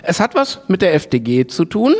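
Lively gravelly-voiced male podcast host. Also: high-pitched, fairly quick. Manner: upbeat, asks questions. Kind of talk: casual interview chat. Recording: roomy recording with faint noise.

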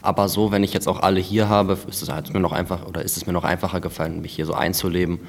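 A young man from Berlin answers questions as a podcast guest, quiet and plain in manner. His voice is very deep. The recording has a roomy reverb. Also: level tone, quick pace, vocal fry. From Berlin, Germany. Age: young adult. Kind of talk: casual interview answers.

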